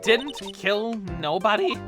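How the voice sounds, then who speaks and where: A woman's voice: a little high, animated, slow pace, voice pushed up. A woman voicing a flamboyant, pompous male circus magician who drawls and calls people sweetie, over game music. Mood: panicked.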